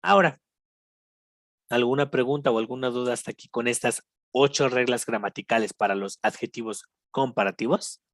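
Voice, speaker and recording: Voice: medium pitch, no room sound. Patient Mexican teacher, dry close sound. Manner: patient, repeats each example, checks in with students; switches between Spanish and slow English examples. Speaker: English teacher. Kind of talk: recorded online grammar lesson.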